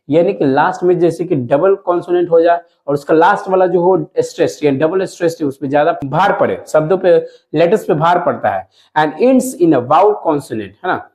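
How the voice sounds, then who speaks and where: A man teaching a lesson to viewers, explaining slowly, repeating words and asking himself questions as he goes. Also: a little high, a little mellow. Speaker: English teacher.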